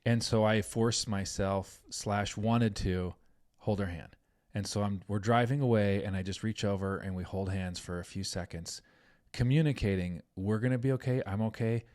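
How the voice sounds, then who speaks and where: A middle-aged man hosting a parenting podcast, telling a story in an earnest, animated way and saying "like" often. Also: fairly low pitch, normal speed. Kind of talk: casual podcast conversation.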